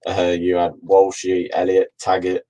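A man's voice: low voice, monotone, measured pace, mellow, poor audio. A man interviewing a former player, asking questions in a casual, friendly way.

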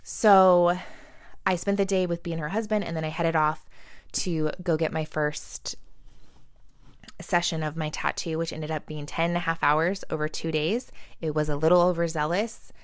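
A woman in her thirties with a low, smooth voice tells her stories casually. She chats along with many "like"s and acts out the voices of people she met. The recording is dry and close, with no room sound. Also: steady tone, moderate pace, no room sound. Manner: chatty, says "like" often, acts out quotes. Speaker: podcast host. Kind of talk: casual storytelling monologue.

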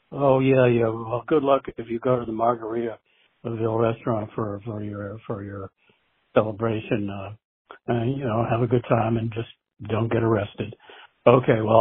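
A man from Philadelphia leaving a voicemail for a podcast host, halting and hesitant, heard as a phone message. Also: medium pitch, level tone, no echo. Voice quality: husky, raspy. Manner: halting, with many hesitant fillers. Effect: voicemail played over a phone line. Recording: tinny dry phone voicemail.

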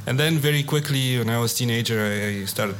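A man's voice: mid-range voice, a little fast, fairly bright tone. A man from Tunisia, a musician guest, talking casually in an interview with many restarts and fillers.

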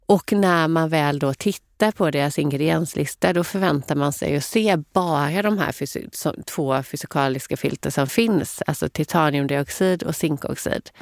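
A woman with a low, creaky voice co-hosts a podcast and explains things earnestly. She pauses often on fillers. Her voice sounds dry and close. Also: dry recording. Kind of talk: casual podcast chat.

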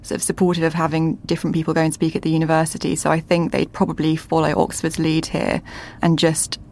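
Low, flat-voiced woman with creak. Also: quick pace. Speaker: interview guest. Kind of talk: conversational analysis. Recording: clear background noise.

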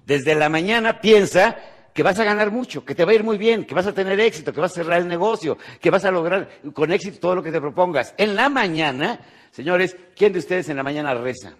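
A Mexican man giving a live motivational talk to an audience, joking and asking rhetorical questions, his voice jumping from loud bursts to quiet asides. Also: high voice, lively intonation, brisk. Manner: jokey, rhetorical, checks in with "¿sí?". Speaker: motivational speaker. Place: conference hall with live audience.

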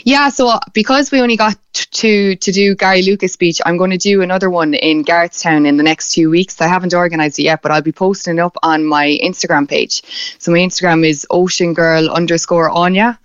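Young west of Ireland woman, clear voice. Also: lowish voice, fairly even intonation, brisk, no echo, highs cut off. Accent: west of Ireland (County Clare). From County Clare, west of Ireland. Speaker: interview guest, marine biologist and beach cleanup organiser. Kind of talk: casual, chatty interview answers.

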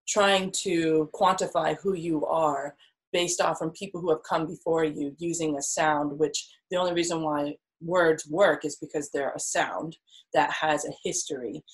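A woman's voice: deep voice, fairly even intonation, moderate pace, husky, poor audio. A young woman guest in a casual interview, talking in a reflective, rambling way with many fillers.

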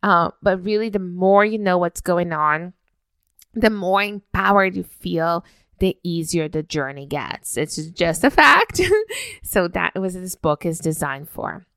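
Brazilian-born woman chatting about her book, lowish smooth voice, dry sound, laughs a lot. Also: lively intonation, measured pace, dry recording. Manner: warm, laughs often. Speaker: author. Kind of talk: casual talk.

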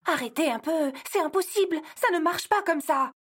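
A woman's voice: very high-pitched, expressive, moderate pace, pitched above the performer's own voice. A woman voicing an anxious, cautious female Christmas elf who worries constantly. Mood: worried. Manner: worried, fretful.

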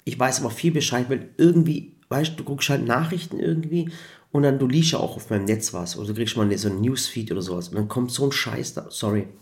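A man chatting casually as co-host, telling stories in an animated way with many fillers and restarts. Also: mid-range voice, fast. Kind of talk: casual chat.

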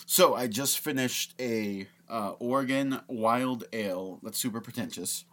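A man's voice: medium pitch, a little slow, a bit bright. A young man co-hosting a podcast, bantering casually and joking between laughs. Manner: joking, rambling, laughs often. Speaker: podcast co-host.

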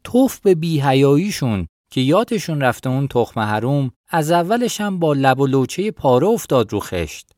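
A man's voice: a little high, expressive, a little mellow, no echo, studio quality, voice pushed up, natural voice. A man voicing a fawning male village headman who rants and curses. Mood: agitated.

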